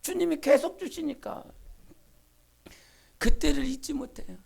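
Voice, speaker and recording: A woman pastor delivers a Sunday sermon in a church, her voice carrying a gravelly edge. She drops to hushed, confiding asides, then climbs into fervent, shouted pleas. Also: sits high, measured pace. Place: church sanctuary.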